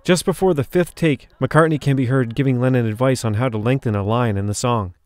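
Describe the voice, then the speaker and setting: A man's voice: mid-range voice, a little fast, darkish tone, dry recording. A man reading a scripted documentary narration, shifting his emphasis from phrase to phrase.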